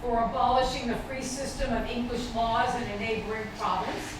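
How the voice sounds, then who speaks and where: A woman with a fairly high voice delivers a stately, measured recitation. She sounds distant from the microphone in a very reverberant space, with clear background noise. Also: fairly even intonation. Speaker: public reader at a commemorative event. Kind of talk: formal public recitation of a historical declaration. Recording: distant, very echoey, noisy background.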